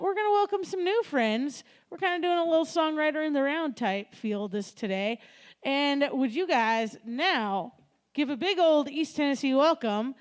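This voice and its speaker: A woman hosting a live radio music show, introducing guests in an upbeat announcer manner. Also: sits high.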